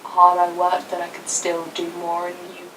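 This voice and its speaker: A young woman co-hosting a casual video chat, telling a story with quick asides. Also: lowish voice, completely flat delivery, a bit bright. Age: young adult. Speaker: YouTube co-host. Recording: distant mic with faint noise.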